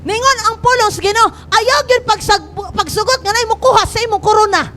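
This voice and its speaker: A woman pastor preaches from a church, her voice pitched very high and ringing with excited exhortation, then dropping low and earnest. She mixes Cebuano and English and has the congregation echo key words back. A faint hum of noise and passing vehicles sits under the recording. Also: moderate pace. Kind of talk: sermon. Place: church sanctuary.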